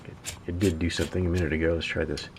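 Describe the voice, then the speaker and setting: Heavy background noise surrounds this man as he narrates radio repair at an indoor workbench, a hobbyist thinking aloud in a casual, hesitant, halting manner, musing to himself. He speaks low-pitched with little pitch movement.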